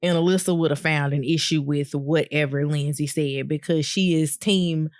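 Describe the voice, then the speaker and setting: Podcast co-host, female, low unhurried voice, laid-back recap delivery, dry close sound. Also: dry recording. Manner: laughs often, many ums, relaxed storytelling. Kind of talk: casual reality TV recap chat.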